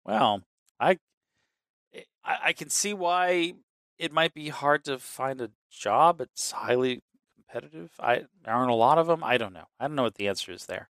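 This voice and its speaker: A man's voice: mid-range voice, normal speed, no room sound. A man co-hosting a casual movie chat, rambling and swearing as he tells scenes. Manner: rambling, profane, animated storytelling. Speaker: podcast co-host.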